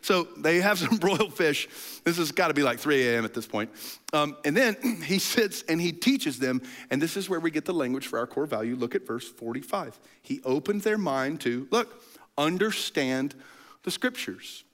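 A male pastor delivers a sermon with a high, lively voice that swoops widely in pitch. He tells the story in a casual, animated way and keeps clearing his throat between phrases. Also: normal speed.

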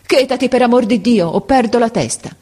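A woman's voice: sits low, fairly even intonation, normal speed, a little mellow. A woman reading aloud voices a big, grieving bricklayer father who cries out in anguish. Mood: desperate.

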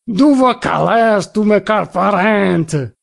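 A man reading an audiobook, voicing a stubborn, drunk middle-aged man with a Turinese accent who shouts slowly. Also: high voice, expressive, gravelly, voice pushed up, full character voice. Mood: insistent. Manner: shouting, slow and slurred.

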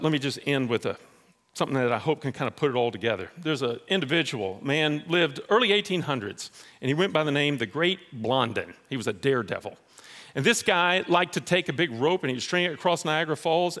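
A man preaching a sermon in a church in a conversational, animated way, acting out dialogue. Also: mid-range voice. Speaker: pastor.

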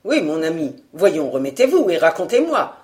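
A woman voicing a calm, concerned male chief curator asking kindly questions. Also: low voice, normal speed.

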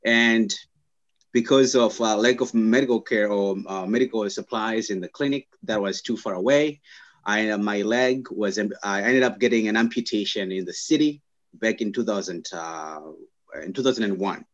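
A man from Zimbabwe with a lowish voice tells his story as a guest in a casual interview. He talks haltingly, with many fillers and restarts. The sound is slightly dull and lo-fi. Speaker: guest, scientist.

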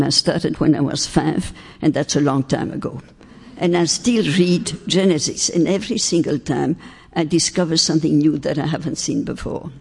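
A low-pitched, creaky, husky and slightly mellow voice belongs to an older woman lecturing in a hall about faith and philosophy; her first language is French. She lays out her points deliberately and emphatically, elongating key words. The hall gives a long reverb.

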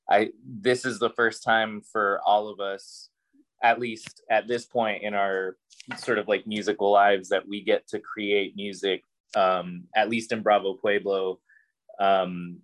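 A man from Puerto Rico, a musician guest, talking loosely with many fillers over a video call. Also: lowish voice. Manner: relaxed, rambling, many fillers.

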